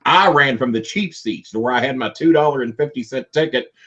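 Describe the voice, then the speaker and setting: Man, excitable storyteller, voice climbing high with excitement, muffled lo-fi sound. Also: fairly quick. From Kentucky, USA. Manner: animated storyteller, voice jumps high when excited. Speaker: wrestling manager guest. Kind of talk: storytelling interview.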